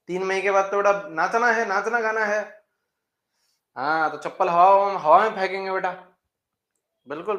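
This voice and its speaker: A male teacher in a live class, joking with students and repeating key terms slowly. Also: high-pitched, fairly bright tone, roomy sound. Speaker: chemistry teacher.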